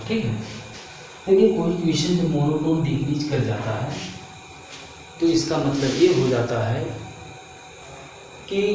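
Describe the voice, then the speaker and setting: A male math teacher explains a lesson step by step and keeps asking the class rhetorical questions as he works. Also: a little high. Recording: echoey room, voice from far off, faint noise.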